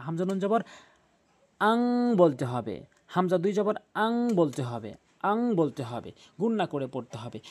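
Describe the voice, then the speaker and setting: A man's voice: on the high side, a little mellow. A man teaching the rules of Quran recitation, patiently repeating each rule, spelling out letters and drawing out the recited words. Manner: drawls the recited Arabic words. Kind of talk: tajweed lesson over a screen drawing.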